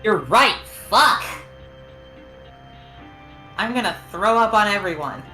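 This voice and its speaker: A woman's voice: medium pitch, animated, slow pace, pushed and bright, reverberant, faint music behind, pitched above the performer's own voice. A woman voicing a blunt, tipsy teenage girl at camp, with grumbling, crude delivery.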